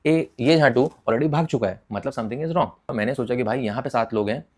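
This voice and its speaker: A young man from India telling a personal story in a casual, animated way, swearing freely and mixing English phrases into his talk. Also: mid-range voice, fairly quick, husky. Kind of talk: casual storytelling with crude slang.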